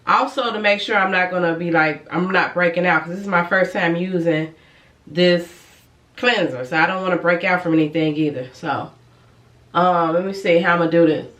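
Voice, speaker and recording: A woman with a lowish, slightly bright voice speaks at a normal speed. She is a licensed cosmetologist and beauty vlogger doing a casual product review and demo of skincare, rambling and self-correcting, with mild congestion from a cold. It's captured on a far-off mic in an echoey space.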